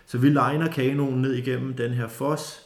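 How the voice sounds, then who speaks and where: Roomy-sounding man telling a story. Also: mid-range voice. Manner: lively storytelling with many fillers and restarts. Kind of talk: casual spoken anecdote. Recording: roomy echo.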